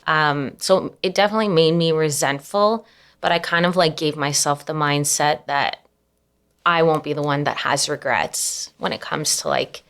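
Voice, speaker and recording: A young adult woman speaking as an interview guest, soft-spoken and reflective, with many fillers and nervous little laughs. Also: sits low, moderate pace, creaky. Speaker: anonymous guest. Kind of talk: candid personal interview.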